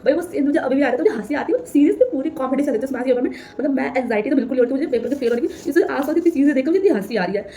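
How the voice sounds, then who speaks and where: Rapid rambling teenage girl vlogger. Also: sits high, expressive, warm tone. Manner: rambling, repeats herself, laughs often. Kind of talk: casual storytelling to camera.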